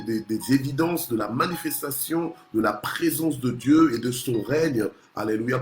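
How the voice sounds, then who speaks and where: A male pastor from Congo preaching a morning sermon, punctuating nearly every phrase with alleluia and amen and often restarting his words. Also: mid-range voice. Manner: restarts and repeats words while searching for phrasing. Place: church. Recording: roomy echoey church sound.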